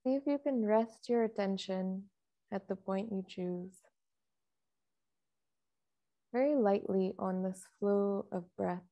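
A meditation teacher guides a session in a calm, measured, softly instructive voice, leaving long pauses. Her voice is medium-pitched.

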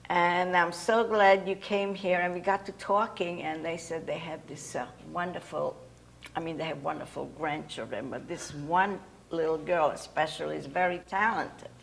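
On a TV studio set, an older Hungarian native speaker hosts a casual talk show, chatting with guests and laughing often while wearing a lapel mic. Her fairly low, gravelly voice keeps a fairly even intonation at a moderate pace, with slight background noise.

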